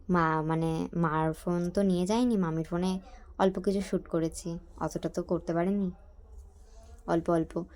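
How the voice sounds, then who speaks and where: A young woman from chats straight to her viewers as a casual vlogger. Her voice sits a little low and flat, with a mellow, dark tone. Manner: chatty, talks straight to viewers. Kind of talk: casual vlog narration.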